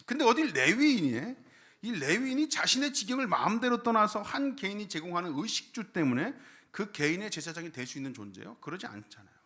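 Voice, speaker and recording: A man's voice: high voice, big pitch swings, brisk, pushed and bright. A man preaching a Sunday sermon as pastor, asking the congregation questions and letting his voice climb and fall hard. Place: church sanctuary.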